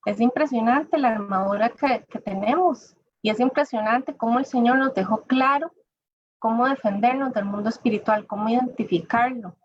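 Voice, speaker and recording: A woman's voice: a little high, dry recording. A woman giving an informal sermon, talking conversationally and addressing listeners directly. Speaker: church speaker. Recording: dull dry lo-fi recording.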